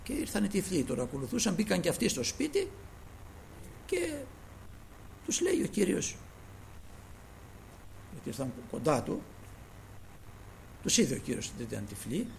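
A man preaching a sermon, addressing his listeners as brothers and moving between quiet asides and loud emphasis. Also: sits high, huge pitch swings, gravelly, long pauses, a little hiss or hum, poor audio.

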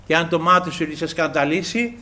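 A man preaching a sermon to his congregation, halting often with filler sounds and repeating praise to the Lord. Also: fairly high pitch, bright, forceful tone.

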